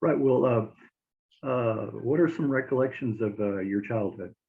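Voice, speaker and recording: Male podcast host, 40s, casual and halting, narrow phone-like sound from a webcam call. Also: medium pitch, creaky. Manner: friendly, halting, laughs easily. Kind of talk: interview hosting. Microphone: video call. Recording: tinny phone-like line.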